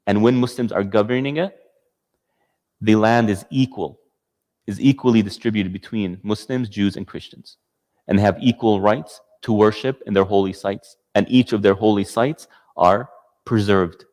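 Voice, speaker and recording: Lower-voiced guy lecturing a crowd, fired up, lots of do-you-know questions, hall reverb. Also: moderate pace, a little mellow. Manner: passionate, rhetorical questions. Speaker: speaker giving a talk. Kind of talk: lecture with audience Q&A.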